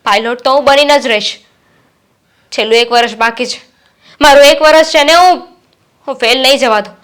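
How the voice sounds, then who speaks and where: A woman's voice: high voice, a little fast, a bit bright, smooth. A woman playing a reproachful young daughter. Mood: determined. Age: young adult. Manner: reproachful, firm. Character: student daughter, resentful and determined. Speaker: daughter studying to be a pilot. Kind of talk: Gujarati short-film acting.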